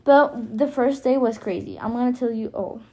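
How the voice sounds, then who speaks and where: In a rambling, self-conscious podcast monologue, a teenage girl in her freshman year of high school talks casually and hesitantly. She's a native Spanish speaker with a Spanish accent, and her fairly high voice is warm-toned at a moderate pace.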